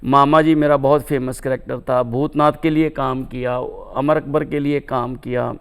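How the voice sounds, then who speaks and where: A man's voice: mid-range voice, steady tone, normal speed, clear, resonant tone. A middle-aged man, a cartoonist guest, talking in a reflective interview with lofty, philosophical phrasing and recited couplets.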